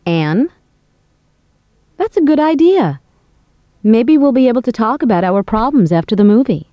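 A woman playing a young woman who talks about bills and plans with a friend, in a scripted language-course dialogue, speaking clearly and carefully. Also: fairly high pitch, big pitch swings, normal speed, dry recording, highs cut off. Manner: clear, careful everyday speech.

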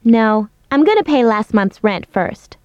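A woman playing a young roommate who explains which bills she will pay, in a scripted language-course dialogue, with clear, expressive delivery. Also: on the high side, unhurried, dry recording, dull audio.

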